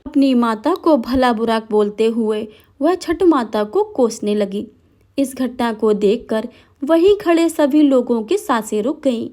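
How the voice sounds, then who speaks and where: A woman narrating a devotional folk tale in a steady, dramatic storytelling manner. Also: fairly high pitch, unhurried.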